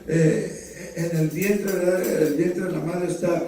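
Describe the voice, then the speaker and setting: A man's voice: on the high side, steady tone, takes it slowly, warm tone, a little hiss or hum. A middle-aged man preaching a fervent sermon in a church. He switches between Spanish and English and fills his lines with amens. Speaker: pastor. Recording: echoey church hall, distant mic.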